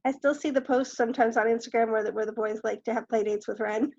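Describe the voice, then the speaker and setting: A woman's voice: fairly high pitch, steady tone, quick pace, darkish tone, no echo. A woman hosting a casual Q&A, giving brief friendly reactions over dull, lo-fi video call audio. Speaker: event host. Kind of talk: casual Q&A chat.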